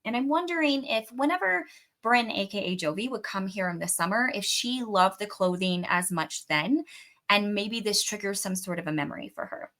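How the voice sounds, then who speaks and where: A woman's voice: medium pitch, lively intonation, moderate pace, a bit bright. A young adult woman hosting a book podcast, chatting casually through a chapter recap with her own theories and the occasional swear word.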